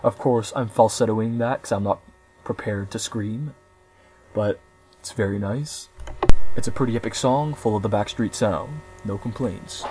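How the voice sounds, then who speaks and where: A young man in his twenties rambles casually through an album review, often hesitating with ums and small restarts. His voice is fairly low and darkish, and he speaks without hurry.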